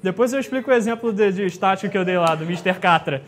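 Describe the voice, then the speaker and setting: A man's voice: high-pitched, quick pace, slight background noise. A man teaching a live exam-prep class, chatty and jokey, often checking in with his students.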